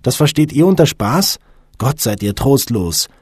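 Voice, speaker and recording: A fed-up young lawyer barks complaints in a lifted, husky voice, as a man reads him. He sounds bossy and tense. The recording is dry and close. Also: medium pitch, very animated, unhurried, darkish tone, dry recording, pitched above the performer's own voice. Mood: exasperated. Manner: exasperated, complaining.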